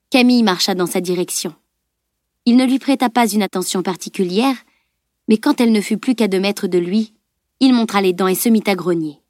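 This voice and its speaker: A woman narrates an adventure novel at a measured, steady storytelling pace. Her voice sits in a middle register. The recording is close and dry, with no room sound. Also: mid-range voice, no room sound. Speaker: audiobook narrator. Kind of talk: scripted narration.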